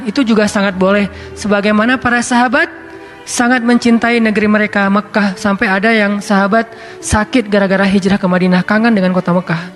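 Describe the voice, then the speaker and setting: High-voiced man giving a casual sermon. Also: a bit bright. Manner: chatty and conversational, weaving in recited scripture. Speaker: preacher.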